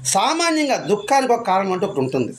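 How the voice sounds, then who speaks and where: Man, devotional speaker, fairly high voice, very animated pitch, rhetorical questions, repeated phrases. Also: fast talker. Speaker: spiritual speaker. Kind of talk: devotional discourse.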